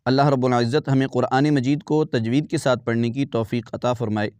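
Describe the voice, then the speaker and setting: Clear-voiced man teaching Quran letters. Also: medium pitch, steady tone, a little mellow, dry recording. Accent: Pakistani Urdu. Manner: slow drawn-out syllable drills, brisk asides explaining pronunciation. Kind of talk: slow recitation lesson with explanations.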